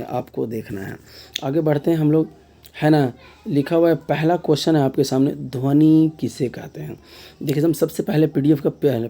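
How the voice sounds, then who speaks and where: Male tutor, very dark voice, patient step-by-step explainer who quizzes back key terms. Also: a little high. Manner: frequent filler tags mid-sentence. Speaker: teacher. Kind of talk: exam-prep grammar lesson.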